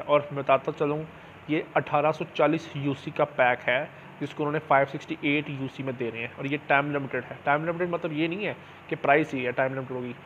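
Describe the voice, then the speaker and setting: The gaming host's mid-range voice has a fairly bright tone as he walks viewers through a screen-recorded game, casually explaining and dropping in check-in tags. Background noise is clear on his dull, lo-fi microphone.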